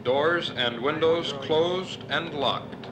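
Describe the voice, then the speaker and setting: A man's voice: a little high, slow pace. A young man as co-pilot, reading out clipped checklist items and radio calls. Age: young adult. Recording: old film soundtrack with engine noise.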